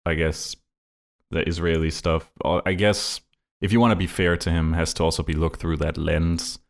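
A man's voice: low voice, flat delivery, normal speed, creaky. A man co-hosting a podcast, rambling and thinking aloud in casual talk, with sarcastic quips. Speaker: podcast co-host. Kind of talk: casual political chat.

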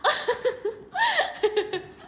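A woman's voice: very high voice, very animated, extremely slow, fairly bright tone, reverberant. A young woman with an Indonesian accent hosting an idol livestream, chatting casually, giggly and singsong, often laughing.

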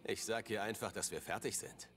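An actor playing a gruff, sardonic ghost hunter in a video game, speaking in a dry, blunt way. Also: male voice, fairly low pitch, fairly even intonation, a little fast, noisy background, natural voice. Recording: loud game music over the voice.

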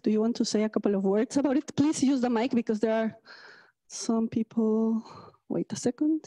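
A woman's voice: fairly high pitch, warm tone. A woman in her thirties from Mexico, an astrophysicist giving a friendly public lecture in a lecture hall, often restarting her sentences.

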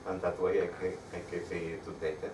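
A young man with a Spanish accent presents a technical talk to a meetup crowd, his voice low and flat. He stumbles and restarts often as he explains. The sound is distant and roomy, with noise in the background. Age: young adult. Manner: halting, with frequent restarts. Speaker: meetup speaker. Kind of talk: conference talk with slides. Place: dark room with projector screen. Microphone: far camera. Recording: echoey room, distant mic, audible background noise.

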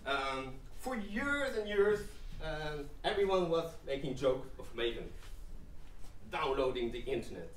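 A keynote speaker delivers a humorous, self-mocking talk to a live audience in an event room, joking and tossing in playful asides over a handheld mic. His fairly high, a bit bright voice swings widely in pitch and runs a little slow. Filmed from the back of the room, the echoey recording is distant with slight background noise.

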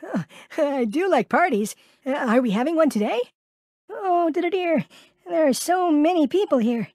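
A tiny, timid cartoon piglet, with an extremely high voice that swings up and down. He is polite and kindly but fretful, stammering and hesitating through his words. The sound is dry and close, like a video game character clip. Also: animated, moderate pace, darkish tone, no room sound. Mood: shy, friendly. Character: Piglet, small timid, anxious, kindly male piglet.

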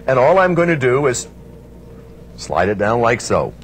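A man's voice: medium pitch, big pitch swings, a little slow. A man hosting a product demonstration, folksy and unscripted, talking through each step as he sells. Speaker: infomercial host and product demonstrator. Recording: faint background noise, vinyl transfer.

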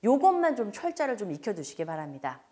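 A woman's voice: medium pitch, very animated, quick pace, mellow. A middle-aged woman giving a chatty English lesson for mothers, laughing often and acting out little dialogues between mother and child. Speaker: English teacher for parents.

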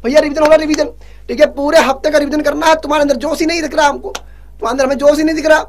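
A male exam prep teacher running a live online revision class. He keeps urging his students to answer quickly and teases them along the way. He reads each English question slowly, then explains it in Hindi. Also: very high voice, fairly even intonation, slight background noise. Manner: urgent, pushes students to answer fast; teasing, scolds students jokingly.

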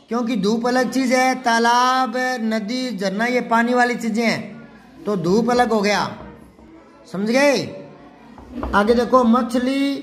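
A man teaching a children's class, patiently going through worksheet questions, asking the pupils and answering himself. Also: very high voice. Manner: spells out words syllable by syllable. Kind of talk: classroom lesson explaining a worksheet.

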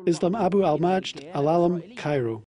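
A man's voice: fairly high pitch, normal speed. A man reading a scripted news report as a voice-over.

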